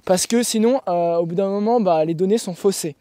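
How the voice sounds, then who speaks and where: A man's voice: high-pitched, fairly quick, warm tone, dry recording, clean studio sound. A man who coaches endurance sport, explaining gear in a blunt, laughing, casual podcast chat.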